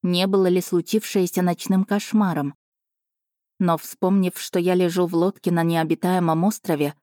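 A woman reading a first-person novel aloud in a steady, lightly wry storytelling manner. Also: lowish voice, no echo, studio quality. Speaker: audiobook narrator.

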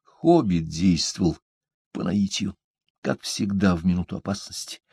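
A man's voice: low voice, a little slow, mellow, husky, no room sound, studio quality. A man reading a fantasy audiobook aloud in a dramatic, vivid way. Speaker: audiobook narrator. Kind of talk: scripted fantasy narration.

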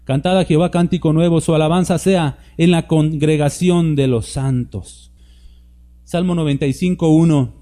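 A man preaches in a relaxed, conversational way. His voice is mellow and warm, set somewhat high, and he keeps asking rhetorical questions and acting out little examples. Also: normal speed. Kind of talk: sermon.

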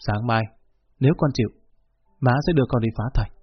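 A man voicing a cold, blunt middle-aged mother who speaks in a flat, unbending tone, in a dull lo-fi recording. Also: mid-range voice, brisk, breathy edge, faint music behind, close to an everyday voice. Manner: flat, level, unbending delivery.

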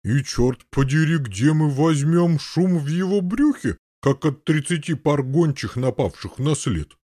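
A man voicing a gruff, grumbling elderly Norman knight in an audiobook, with a husky, blustering manner. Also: fairly high pitch, animated, unhurried, dark tone, no echo, clean studio sound, pitched above the performer's own voice. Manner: blustering, huffy protests. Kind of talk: audiobook character voice.

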